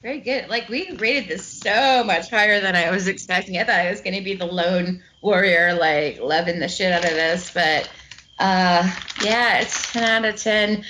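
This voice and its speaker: A woman hosts a casual film discussion podcast in a chatty, relaxed way. She swears freely and laughs easily as she talks. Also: medium pitch, moderate pace, a little hiss or hum. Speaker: podcast host.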